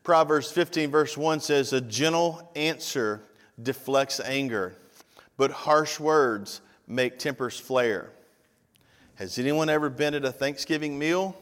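Fifty-something pastor preaching in reverberant hall. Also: male voice, mid-range voice, fairly bright tone. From Tennessee. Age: 50s. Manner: conversational preaching, direct asides to the congregation. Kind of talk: sermon. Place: church sanctuary. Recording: long reverb of a church hall.

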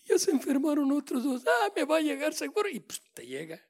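Fiery high-voiced man preaching a sermon. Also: wildly swooping pitch, a little fast. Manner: impassioned, swings between loud proclaiming and hushed asides.

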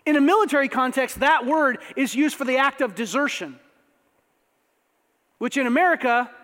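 A man with a strikingly high voice preaches to his congregation, animated and conversational, dropping asides as he goes. His voice rings out with the long reverb of a church sanctuary. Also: normal speed. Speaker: pastor. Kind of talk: sermon.

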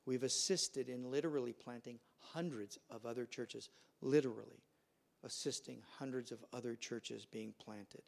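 A man's voice: mid-range voice, fairly even intonation, moderate pace, gravelly. A man preaching a sermon as pastor in a church, telling stories and acting out the people in them. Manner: storytelling, acts out quoted voices. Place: church sanctuary.

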